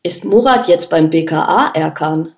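A gruff, hard-bitten veteran policeman in his fifties who speaks bluntly and brusquely, as a woman reads him. The delivery stays low-key. He is a figure in an audiobook. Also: lively intonation, normal speed. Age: 50s. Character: gruff fifty-year-old veteran male cop.

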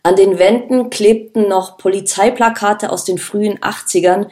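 A woman reads an audiobook aloud in a steady, measured way. Her pitch sits in the ordinary middle range for a woman. The delivery stays even and composed. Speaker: audiobook narrator. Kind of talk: scripted narration.

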